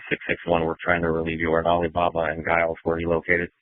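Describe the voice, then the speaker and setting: Deep monotone male officer on police radio. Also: fast talker. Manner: clipped, procedural. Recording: narrowband police radio scanner feed.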